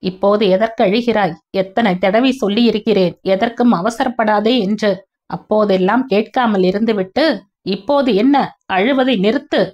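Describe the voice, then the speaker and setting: A woman's voice: high voice, unhurried, a little mellow, pitched above the performer's own voice. A woman voicing a stern middle-aged father who speaks harshly and commandingly. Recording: dull lo-fi recording.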